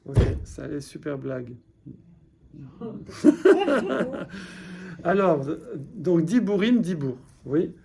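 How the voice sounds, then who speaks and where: A man's voice: fairly high pitch, animated, takes it slowly, gravelly, long pauses, crowd noise. A man teaching a classroom lesson, patiently explaining step by step and quizzing his students. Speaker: Hebrew teacher.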